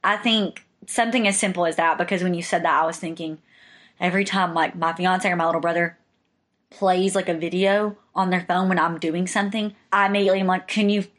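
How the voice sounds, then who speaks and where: A young woman chatting casually, her voice sitting a little low for a woman. She rambles through stories with plenty of fillers and small laughs. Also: fairly even intonation, fairly quick, a bit bright. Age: young adult. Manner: chatty, lots of likes and laughs. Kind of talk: casual chat.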